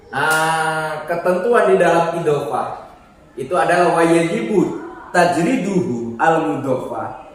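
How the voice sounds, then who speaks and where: A man teaches grammar at an unhurried pace, going back over each term and restarting words as he explains. His voice sits a little high for a man and comes from some distance away. The room around him rings with heavy echo. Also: slight background noise. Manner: slow and explanatory, repeats terms and restarts words. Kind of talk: casual grammar lesson. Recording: echoey room, voice far from the mic.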